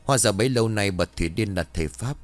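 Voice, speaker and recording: A man narrating a ghost story in a steady, matter-of-fact way. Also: on the low side, rapid-fire, no room sound.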